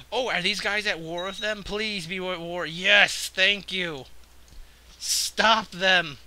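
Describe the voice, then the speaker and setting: A man's voice: high-pitched, steady tone, slow, pushed and bright. Young man swearing at a strategy game. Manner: swearing, exasperated outbursts at the game. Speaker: gamer playing a strategy game. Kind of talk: casual gameplay commentary.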